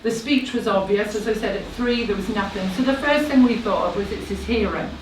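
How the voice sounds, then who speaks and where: A woman's voice: a little high, a little fast. A woman in her thirties tells a personal story to a live audience. She talks in a chatty, slightly nervous way and drops self-deprecating asides as she goes. She is picked up from a distance in an echoey room, over faint background noise. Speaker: speaker at a live talk event.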